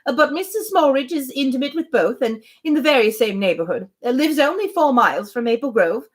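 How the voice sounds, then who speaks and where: A woman reads a classic novel aloud with a high voice, lively intonation and a slightly quick pace. She voices a middle-aged spinster who gushes in a breathless, anxiously grateful ramble that keeps repeating itself.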